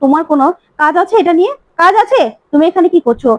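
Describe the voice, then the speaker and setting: A woman's voice: sits high, expressive, fast talker. A woman doing a furious defiant bride-to-be. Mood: angry, defiant. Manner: shouting, defiant. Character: angry rebellious young bride-to-be.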